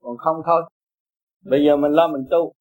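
High-voiced blunt teacher. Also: male voice, fairly even intonation, moderate pace, a little mellow, poor audio. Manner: blunt, emphatic, coaxing and scolding. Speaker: Buddhist teacher. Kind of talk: blunt Dharma talk to followers.

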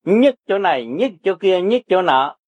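An older man with a Southern Vietnamese accent preaches Buddhist practice in a blunt, folksy way, hammering his points through repetition. His voice sits high for a man. The recording is dry and dull, like a lo-fi tape. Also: very animated, measured pace, darkish tone, dry recording. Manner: blunt, repetitive, urging, earthy. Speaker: Buddhist teacher. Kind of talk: folksy spiritual teaching to listeners.

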